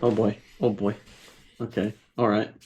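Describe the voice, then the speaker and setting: A man chatting casually and a bit haltingly as a player in a tabletop role-playing game. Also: fairly low pitch, level tone, darkish tone, faint music behind. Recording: dull lo-fi voice mic.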